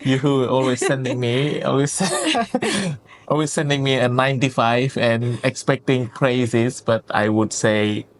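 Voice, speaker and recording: A man's voice: mid-range voice, animated, slow. Chatty young man from Senegal. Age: 20s. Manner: warm praising, laughs often, repeats "yeah". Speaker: host and project founder. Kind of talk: casual interview chat.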